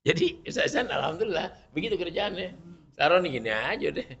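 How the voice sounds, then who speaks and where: An older man teaching a religious study lesson, animated and emphatic, scolding with jokes. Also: high-pitched, brisk, creaky, a little hiss or hum. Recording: dull lo-fi recording.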